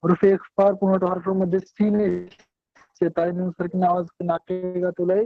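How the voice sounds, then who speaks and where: Student on a video call, stuttering buffering audio, flat delivery, dry and muffled. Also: male voice, high-pitched, vocal fry, dry recording, faint music behind. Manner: halting, broken-off phrases. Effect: choppy, buffering call audio that cuts in and out. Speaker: student in an online class. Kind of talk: explaining a Quran recitation rule. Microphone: online video call.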